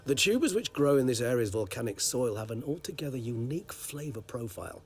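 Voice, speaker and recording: A man's voice: medium pitch, sing-song, brisk, husky. An actor playing a refined, ancient male vampire who speaks in dry, ornate, lightly sarcastic phrases, in video game dialogue. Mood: genteel. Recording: game audio with music underneath.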